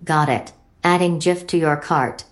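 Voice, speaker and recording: A literal-minded voice assistant in an ad, voiced by a woman, low in pitch. She reads her prompts in a flat, even, machine-like way. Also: unhurried, a little hiss or hum. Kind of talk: radio ad.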